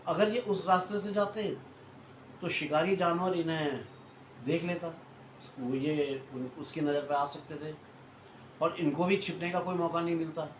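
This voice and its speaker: A man narrates a hunting tale in a loose, chatty way, going back over his points in new words. His voice sits a little high for a man. The room is echoey and has a faint hiss behind it. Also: steady tone, measured pace. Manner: chatty, repeats and rephrases points, addresses listeners as friends. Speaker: storyteller host. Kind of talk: casual spoken retelling of a hunting story.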